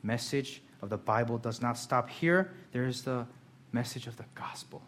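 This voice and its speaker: A man who grew up in Korea, preaching a sermon in an earnest way, moving between quiet reflection and emphatic questions. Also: medium pitch, moderate pace. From South Korea. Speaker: pastor.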